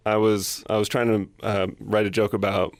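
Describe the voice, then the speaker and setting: A man's voice: on the low side, little pitch movement, moderate pace, no room sound. A man, a comedian, telling dad jokes with casual setups and punchlines.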